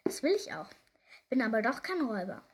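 A woman voicing a tiny, impatient male imp who eats bad dreams, giggling and grumbling, shrill when excited. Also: fairly quick. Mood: impish.

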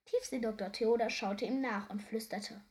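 A young woman reading a children's story aloud, lively and expressive. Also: a little high, moderate pace, a little hiss or hum. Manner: lively, warm storybook narration.

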